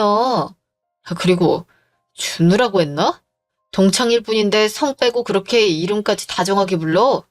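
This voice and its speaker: Woman playing a jealous bullying husband, sneering, crude, mid-pitched, dramatized story reading. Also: close to an everyday voice. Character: jealous, abusive husband in his thirties, accusing and bullying.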